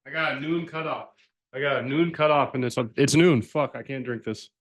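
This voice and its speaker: Medium-pitched and a little fast, a man keeps up joking, swearing banter with his chat while coding a trading bot live. It's loose, casual stream talk, captured in a dry recording.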